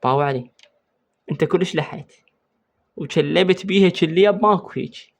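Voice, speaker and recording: Iraqi male teacher, gravelly voice, drills the student with questions and repeats each rule. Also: on the high side. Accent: Iraqi Arabic. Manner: repeats key points slowly, quizzes the student directly; writes on a board while explaining. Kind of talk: exam-prep tajweed lesson.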